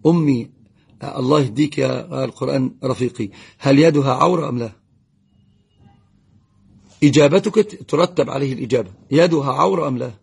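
A man giving a live religious Q&A lesson, answering viewer questions quickly and greeting and blessing viewers by name. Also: medium pitch, vocal fry, a little mellow, slightly rough. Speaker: religious teacher.

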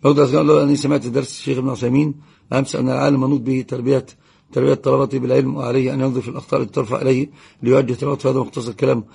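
Guy teaching religion live, super fast, really gravelly and raspy, blesses viewers by name between questions. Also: mid-range voice, flat delivery, a little mellow. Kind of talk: live Q&A lesson, answering viewer comments.

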